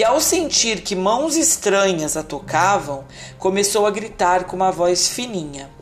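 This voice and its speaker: Woman reading a fairy tale aloud. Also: medium pitch. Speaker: storyteller.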